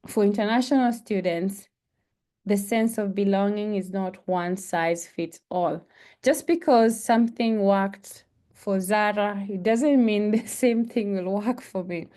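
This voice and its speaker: An earnest Kenyan woman, an international student on a panel, presents and discusses in a halting way full of fillers. Her voice is mid-range and mellow.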